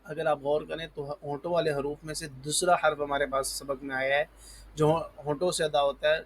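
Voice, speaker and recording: A man teaching the alphabet for Quran reading, calling out each letter slowly and loudly, then explaining calmly and patiently. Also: a little high, a little hiss or hum. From Pakistan. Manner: patient, repeats "ji" and "parh lijiye". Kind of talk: alphabet lesson.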